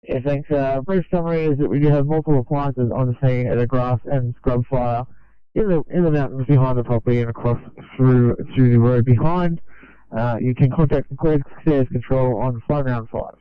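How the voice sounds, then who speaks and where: A man's voice: medium pitch, normal speed, clear, resonant tone, no echo, highs cut off. A man working as an emergency radio operator, politely passing procedural messages over a crackly walkie-talkie. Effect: crackly walkie-talkie radio transmission. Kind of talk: emergency two-way radio communication. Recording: crackly, phone-thin two-way radio.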